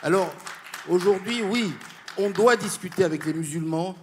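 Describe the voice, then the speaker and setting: A man's voice: high-pitched, normal speed, slight background noise. Earnest man from Morocco giving a speech. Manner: earnest and insistent, repeating key points. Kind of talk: formal panel speech. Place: conference panel.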